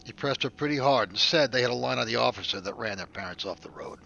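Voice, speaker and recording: A man's voice: mid-range voice, animated, fast, vocal fry, pushed and bright, full character voice. An actor playing a tough male interrogator who presses hard and gives orders in an amateur audio drama. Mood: briefing. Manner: firm, pressing and commanding. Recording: dull lo-fi recording.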